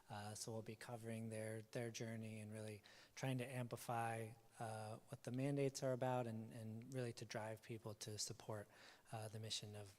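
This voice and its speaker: Male panel moderator, halting delivery, reverberant hall. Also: mid-range voice, darkish tone. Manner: hesitant, many fillers. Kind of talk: live panel talk.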